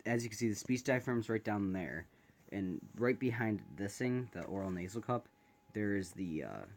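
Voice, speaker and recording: Guy with a lowish voice, chatty unscripted review filmed on his phone. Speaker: gas mask reviewer. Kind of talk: casual unscripted product review. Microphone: handheld phone camera.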